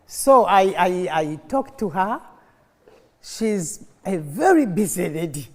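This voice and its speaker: A fairly low voice belongs to this middle-aged or older woman, a Ugandan-accented native Luganda speaker addressing a conference crowd. She talks at an unhurried pace, spinning animated stories and quizzing her listeners in call-and-response fashion, while the hall's long reverb makes everything echo.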